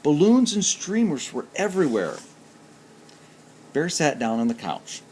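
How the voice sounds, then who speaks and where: A man reading a children's story aloud in an expressive, sing-song way. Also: a little high, unhurried, a little hiss or hum. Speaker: narrator.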